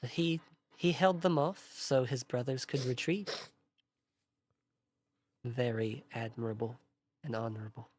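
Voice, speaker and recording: A man gives voice to a weary female Jedi who speaks slowly and with measured care, pausing on pensive hums. The tone is calm and even, a tabletop role-play read without strain. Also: medium pitch, slight background noise, natural voice. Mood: reflective. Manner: slow, measured, thoughtful hums.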